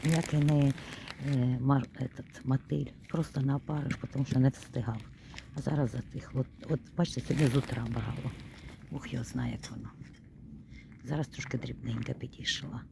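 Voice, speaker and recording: A woman's voice: extremely low pitch, fairly even intonation, a little fast, creaky. Woman, casual vlog chatter, outdoors, noisy wind-blown phone audio. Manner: chatty, talks to viewers while walking. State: out of breath. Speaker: vlogger. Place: outdoors on a frozen lake.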